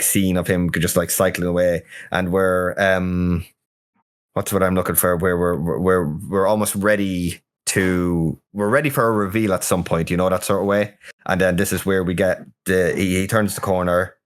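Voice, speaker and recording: An Australian man co-hosting a podcast, talking through a film in a rambling way and repeating words as he hunts for them over an online call. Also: low-pitched. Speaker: podcast co-host. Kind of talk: casual film discussion.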